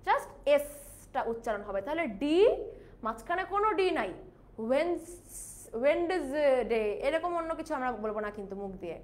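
A young woman, teaching pronunciation in a live online class, mixing Bengali with English and slowly drilling each word. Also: sits high, very animated.

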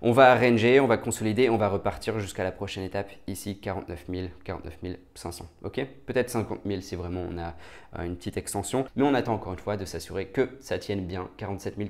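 A man's voice: fairly low pitch, fast. A man, casually talking through price charts as a market analyst, with frequent fillers, restarts and check-in questions. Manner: many fillers and restarts, asks "d'accord?" often.

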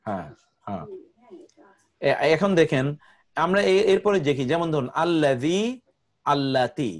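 A man's voice: fairly high pitch, big pitch swings, measured pace. A man teaching an online grammar class, patiently repeating word lists for students to memorize.

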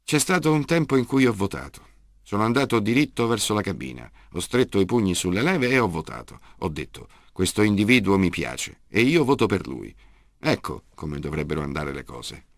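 A man voicing a stubborn, loud older grandfather in an audiobook reading, with a gravelly voice. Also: lowish voice, big pitch swings, a little fast, no room sound, clean studio sound. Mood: insistent.

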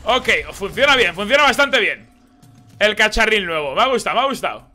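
A man doing live gameplay commentary as a streamer, excitable and swearing as he reacts to the game. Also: sits high, brisk, soft background music. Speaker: gaming streamer.

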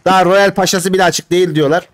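A man's voice: high-pitched, steady tone, quick pace, over a noisy crowd. A man with a regional Turkish accent chatting casually and colloquially during a game, boastful and fond of repeating himself. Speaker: game streamer playing with teammates.

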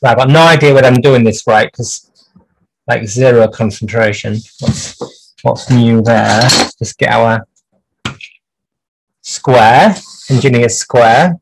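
A man's voice: medium pitch, slow pace, creaky, pauses often, a little hiss or hum, low-quality recording. A man hosting a clock repair livestream from his workshop bench, chatting through the work with dry jokes and lots of hesitations.

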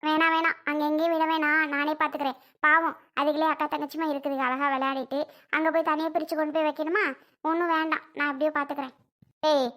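A woman's voice: high voice, fairly bright tone. A woman doing a fussing, scolding old grandmother. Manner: fussing, lecturing, with dramatic sighs. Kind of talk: family comedy skit acting.

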